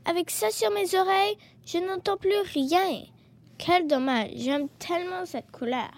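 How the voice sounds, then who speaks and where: Grumpy storybook badger, gruff grumbling voice, loud and raised, played by a woman. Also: very high-pitched, unhurried.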